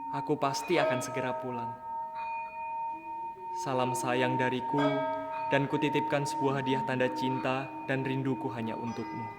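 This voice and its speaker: A man playing a desperate, mutilated young son begging to be recognised, in a theatrical dramatic reading with drawn-out, pleading delivery. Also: medium pitch, level tone, natural voice. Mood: tender longing. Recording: echoey hall reverb, loud music behind.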